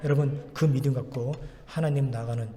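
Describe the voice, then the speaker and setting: A man's voice: mid-range voice, steady tone, brisk, mellow, big-room sound. A man preaching a sermon as pastor in a church, urging and repeating exhortations with strong emphasis. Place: church sanctuary.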